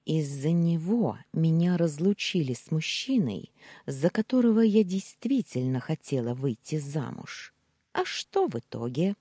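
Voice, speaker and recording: A woman acts out a bitter young wife of twenty-one in an audiobook, sharp and scornful as she hisses orders. The voice sits low and husky, with lively swings in pitch. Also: unhurried, no room sound, studio quality, exaggerated voice. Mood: bitter, angry.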